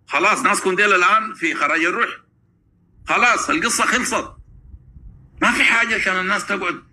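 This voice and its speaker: A man with a Sudanese Arabic accent giving a fervent, celebratory monologue, repeating phrases, taunting and at times shouting. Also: high-pitched, fast, a little hiss or hum. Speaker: political commentator.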